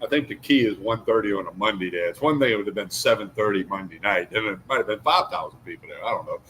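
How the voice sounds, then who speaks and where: A man's voice: on the low side, lively intonation, fast talker, a bit bright, slight background noise, poor audio. A man co-hosting a casual sports talk show, folksy and opinionated, talking with many fillers.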